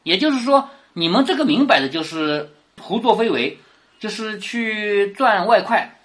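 Lively, animated storytelling lecturer. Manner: keeps asking rhetorical check questions, dropping low and soft on them; animated storyteller, quick to rephrase in everyday words. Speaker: teacher explaining a classic novel. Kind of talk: casual explanatory lecture.

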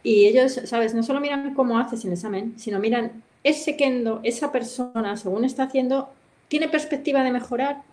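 A middle-aged woman, a guest in a casual interview, telling stories in a lively way and laughing often. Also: on the high side, moderate pace. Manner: lively storyteller who acts out other people's voices and laughs often. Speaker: interview guest, kendo practitioner. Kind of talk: casual anecdotal chat.

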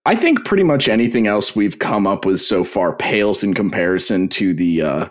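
A man's voice: lowish voice, expressive, moderate pace. A man co-hosting a podcast, chatting casually and laughing often. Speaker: podcast co-host. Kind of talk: casual comedic chat.

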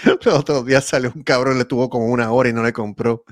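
A Puerto Rican man in casual chat, telling stories with lively swearing. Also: mid-range voice, fast. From Puerto Rico. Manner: expressive, profane, lively storytelling.

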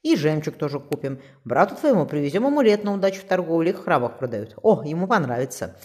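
A woman's voice: sits low, sing-song, quick pace, darkish tone. A woman voicing a kind admiral talking to his son in an audiobook. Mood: cheerful. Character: kind middle-aged male ship admiral, loving father.

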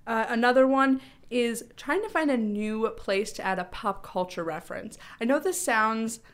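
A woman's voice: on the high side, normal speed. Chatty upbeat woman podcast host. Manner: chatty and upbeat, frequent "like" fillers. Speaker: speech team coach and podcast host. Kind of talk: casual podcast chat.

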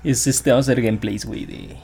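A man's voice: medium pitch, steady tone, quick pace, vocal fry, a little mellow, soft background music. A young man with a Mexican accent, co-hosting a podcast in casual chat, slangy and swearing freely. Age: young adult. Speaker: podcast co-host.

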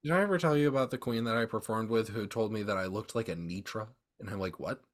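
A man co-hosting a podcast, telling animated stories in casual chat with crude jokes. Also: lowish voice, quick pace. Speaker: podcast co-host; teacher.

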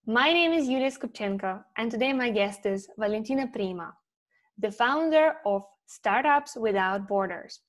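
A woman's voice: a little high, lively intonation, moderate pace. A woman hosting an interview series, welcoming and questioning her guest with a friendly manner and a few hesitant fillers. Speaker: interview host.

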